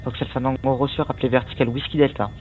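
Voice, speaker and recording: A male air traffic controller speaks over a thin radio channel with faint noise. His voice is mid-pitched and he gives tower instructions haltingly. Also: flat delivery, narrow, tinny audio. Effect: aviation radio transmission.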